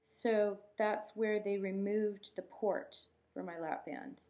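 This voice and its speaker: A woman's voice: mid-range voice, steady tone, slow, warm tone. A woman talking casually and candidly in a personal vlog, giving a health update in a chatty, matter-of-fact way. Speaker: vlogger giving a post-surgery update.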